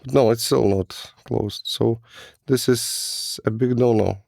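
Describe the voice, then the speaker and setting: Slow, gravelly man reviewing gear. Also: medium pitch, fairly even intonation, darkish tone, dry recording, clean studio sound. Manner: hesitant, halting, non-native phrasing. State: sick, rough voice. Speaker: flashlight reviewer. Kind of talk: casual product review.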